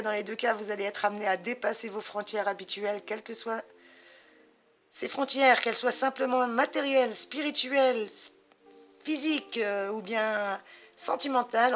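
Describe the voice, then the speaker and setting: A woman hosting a card-reading channel, giving spiritual guidance to viewers in a chatty, affectionate way, calling them sweet pet names. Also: mid-range voice. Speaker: astrology and tarot channel host. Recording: music playing behind voice.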